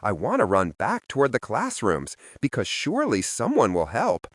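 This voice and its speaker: Man, audiobook narrator, wry storytelling, very lively pitch, dry close studio sound. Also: moderate pace, no room sound. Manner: expressive, with a wry, storytelling delivery. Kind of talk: scripted first-person audiobook narration.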